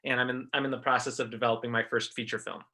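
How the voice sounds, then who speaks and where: A man's voice: mid-range voice, level tone, racing, bright, forceful tone, breathy edge. A man from American Samoa who teaches film, introducing himself casually on a video-call panel with lots of ums and restarts. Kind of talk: panel discussion, personal intro.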